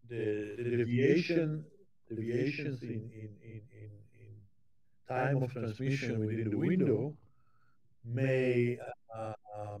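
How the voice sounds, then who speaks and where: A man speaks at a leisurely, unhurried pace, delivering a technical keynote lecture to a conference. His voice is dark and mellow. He often stops and restarts, repeating small words as he gathers his next point. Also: mid-range voice.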